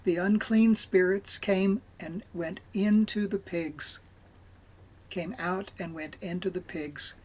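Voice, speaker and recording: A man leading a morning devotional, reading scripture aloud in a measured way with pauses. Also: high voice, fairly even intonation, darkish tone, slightly rough. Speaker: devotional leader.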